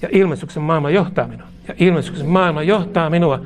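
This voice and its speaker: Guy preaching, voice a bit high, fervent prayer, says each line for the crowd to repeat. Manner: leads a congregation in call-and-repeat prayer, fervent. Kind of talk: charismatic prayer leading.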